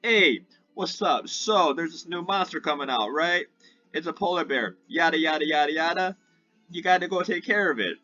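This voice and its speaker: A man's voice: a little high, very animated, drawn-out words, hardly any pauses, pushed and bright, no echo, voice pushed up, heavily acted. A man voicing a friendly male panda bear quest giver in a mock Italian accent. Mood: breezy. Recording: dull lo-fi sound with faint music.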